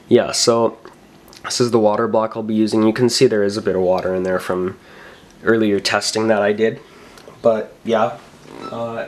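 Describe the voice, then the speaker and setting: A young tech vlogger recovering from a cold rambles casually through a show-and-tell at his bedroom desk, full of fillers and self-corrections. His voice is on the low side, with slight background noise.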